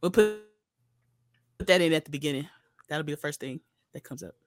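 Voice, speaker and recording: A woman's voice: low-pitched, animated, fairly quick. A woman hosting a live stream who chats casually and chimes in with short, encouraging remarks. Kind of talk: casual chat.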